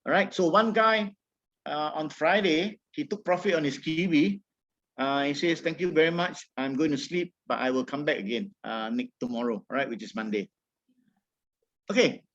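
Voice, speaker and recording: A man's voice: a little high, a bit bright, muffled recording. A man with a Singaporean accent speaking as a trading coach in an informal webinar, colloquial and encouraging, with frequent tag words. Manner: colloquial Singlish with tags like "all right" and "lah". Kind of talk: informal webinar presentation with audience questions.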